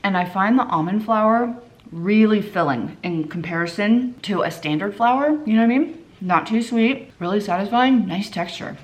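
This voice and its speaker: A woman's voice: mid-range voice, normal speed. A woman in her thirties in a casual cooking vlog, chatty and upbeat, talking through recipes in her home kitchen. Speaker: cooking vlogger.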